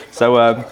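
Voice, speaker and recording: A young man coaching and hosting a casual vlog, chatty and relaxed with frequent fillers. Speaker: bodybuilding coach and channel host.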